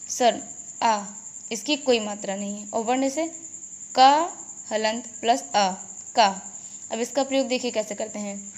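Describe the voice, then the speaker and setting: A woman teacher giving a grammar lesson to a class, slowly repeating and explaining each point. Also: fairly high pitch. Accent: Indian. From India. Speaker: school teacher.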